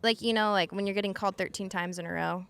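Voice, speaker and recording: A woman in her thirties, a podcast guest, talking candidly and casually, with many filler words, frequent swearing and quick laughs. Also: mid-range voice, steady tone, creaky, fairly bright tone, clean tone. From Utah. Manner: chatty, lots of "like" fillers and swearing, laughs often.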